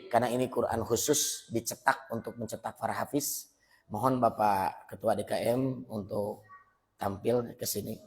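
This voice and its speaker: A man's voice: fairly low pitch, fairly even intonation, moderate pace, slight background noise. A man with a Sundanese accent preaching a morning sermon in a mosque, telling stories and calling out to the congregation. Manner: storytelling, switching to loud chanting calls.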